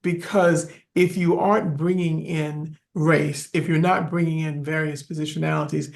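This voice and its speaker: A woman professor of fifty or older who talks in a reflective, unhurried way on a webinar panel, pausing often as she gathers her thoughts. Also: sits low, fairly even intonation, gravelly, darkish tone. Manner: reflective and unhurried, with pauses and fillers.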